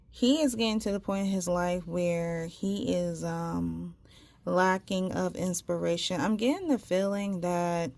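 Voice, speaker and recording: A woman doing a casual tarot reading, halting and repeating herself as she searches for words, her articulation slightly impeded by a tongue piercing. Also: mid-range voice, a little mellow. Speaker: tarot reader.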